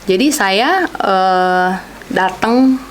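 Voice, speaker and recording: A woman's voice: mid-range voice, animated, drawn-out words, a little hiss or hum. A woman, a podcast guest, telling her personal testimony with some laughter. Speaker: podcast guest, his wife.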